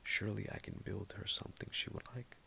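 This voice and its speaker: A man voicing a humble, pleading carpenter in a bedtime story, with a deep, gravelly voice. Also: fairly even intonation, a little fast, sharp tone, in a whisper, exaggerated voice. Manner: pleading, eager to please.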